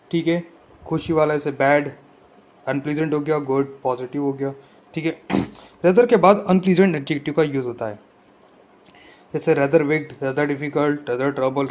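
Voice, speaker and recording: Man, grammar teacher, exam-prep lesson, slightly raised pitch, patient step-by-step explaining. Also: darkish tone. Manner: explains step by step, often checks with the class.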